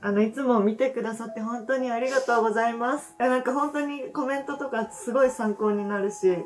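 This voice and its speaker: A woman's voice: fairly high pitch, steady tone, quick pace. A tipsy woman chatting casually as part of a group. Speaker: channel regular. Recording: slightly distant from the mic.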